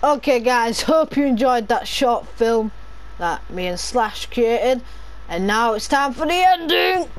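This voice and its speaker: A woman gaming creator chattering playfully and excitably through improvised role-play. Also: fairly high pitch, measured pace.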